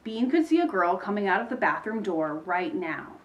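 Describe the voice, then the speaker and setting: A woman teacher reading a children's chapter book aloud, in a clear expressive storytelling manner. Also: medium pitch, moderate pace, muffled recording.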